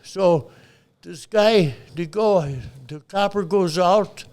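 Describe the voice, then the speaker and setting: A man's voice: sits high, slow pace, darkish tone, smooth. An older man telling a blunt, profane story from his past in a casual chat. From Chicago. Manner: blunt, profane, acts out quoted voices. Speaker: storyteller guest.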